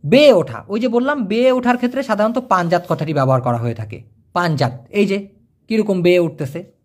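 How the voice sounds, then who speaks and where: A teacher, walking learners through new words one picture at a time. The pitch rises and falls a lot, and each new word is said twice or three times, with a quick "clear?" check to the viewer. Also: animated, darkish tone. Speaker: Malay language teacher. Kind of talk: vocabulary lesson explained over pictures.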